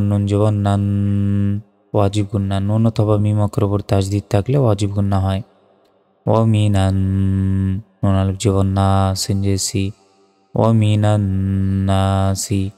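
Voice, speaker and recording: Over faint background music in an echoing recording, a man leads a slow spelling-out recitation lesson, naming each letter and vowel and then chanting the complete word. His voice is on the low side, dark, clear and resonant.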